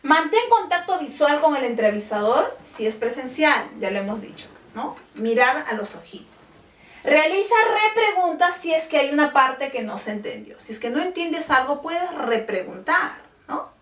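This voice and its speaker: A woman's voice: high-pitched, big pitch swings, normal speed, a bit bright. A woman teacher talking to schoolchildren in a friendly way, often stopping to check with short questions. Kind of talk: teaching a class to children on camera. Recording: echoey room, voice from a distance.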